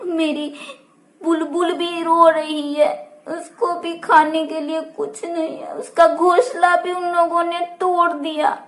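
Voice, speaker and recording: A woman's voice: steady tone, slow pace, sharp tone, heavily acted. A woman voicing a small child who tearfully begs the grown-ups. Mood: sad. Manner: begging, high and tearful.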